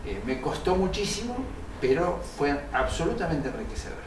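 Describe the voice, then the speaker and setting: A man's voice: on the high side, sing-song, moderate pace. An older man born in Italy, answering interview questions earnestly, with many hesitant fillers. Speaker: interview guest, engineer and researcher. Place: TV studio set. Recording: roomy, distant mic, noisy.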